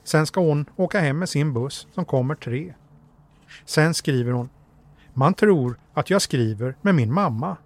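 A man giving calm, measured, scripted narration as a documentary narrator. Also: a little high.

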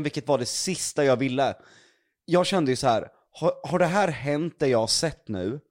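A man co-hosting a casual podcast, telling ghost-hunting stories in an excitable way and swearing a lot. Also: mid-range voice. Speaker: podcast co-host, ghost hunter.

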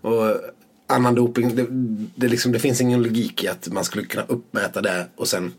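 A man's voice: medium pitch, flat delivery, husky. A man co-hosting a casual podcast chat, rambling, laughing often and swearing casually. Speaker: podcast co-host.

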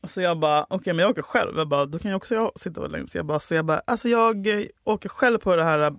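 Animated woman telling a story, cursing. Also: lowish voice, dry recording. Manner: animated, swears freely, acts out quoted dialogue. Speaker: podcast host telling her love story. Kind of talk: casual storytelling chat.

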